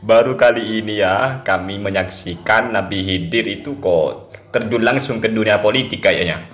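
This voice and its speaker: A man's voice: low-pitched, a bit bright, roomy sound. A man giving casual video commentary in a mocking tone, laughing often and drawing out his exclamations.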